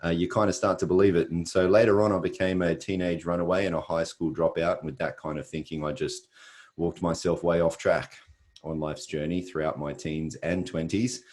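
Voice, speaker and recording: This webinar host, a middle-aged Australian man, delivers a motivational presentation in an earnest, repetitive manner full of fillers. He speaks fairly quickly in a low-pitched, steady, slightly mellow voice.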